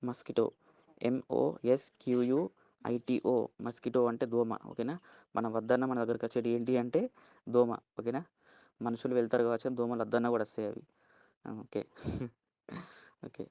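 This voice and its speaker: A man's voice: medium pitch, warm tone, no room sound. A man with a Telugu accent teaching a vocabulary lesson, spelling words out letter by letter and checking in with "okay?" after each one.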